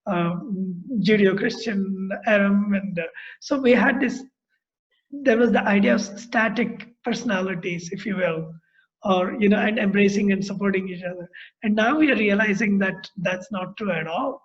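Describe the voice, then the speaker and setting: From a room at home, a middle-aged Indian-accented man whose voice sits high carries on a reflective conversation with a guest over video call. He explains things thoughtfully in long, measured phrases. The sound, picked up by his laptop mic, is dull and lo-fi.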